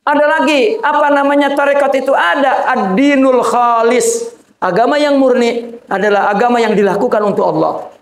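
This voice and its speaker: Male preacher, very high voice, casual joking sermon, roomy echo. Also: moderate pace. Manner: colloquial, joking asides, addresses listeners as "Pak". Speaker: sheikh preaching to a gathering. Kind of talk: informal religious sermon. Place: Islamic boarding school gathering. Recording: echoey room.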